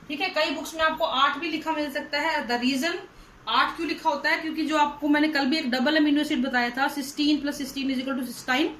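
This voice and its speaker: High-voiced woman teaching a lecture. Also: a bit bright. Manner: explains step by step, calls students 'beta'. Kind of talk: whiteboard lecture. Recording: echoey room, faint hum.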